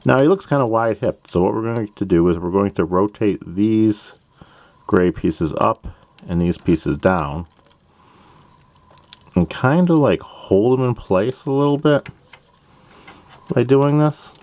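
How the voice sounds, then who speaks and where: A man's voice: fairly low pitch, a little slow, pauses often, darkish tone. A man hosting a toy-building show, explaining each step of a build in a chatty, plain way with playful asides. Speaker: host of a toy-building channel. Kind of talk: casual step-by-step build tutorial.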